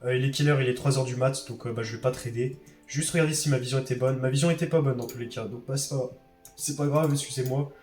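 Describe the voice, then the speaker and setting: A man's voice: medium pitch, steady tone, fast talker, darkish tone. 19yo guy rambling over his trading charts, lots of euh and bah, echoey room, bit of guitar music in the back. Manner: rambling, self-deprecating, many fillers. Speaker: trading vlogger. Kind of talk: casual chat while backtesting charts.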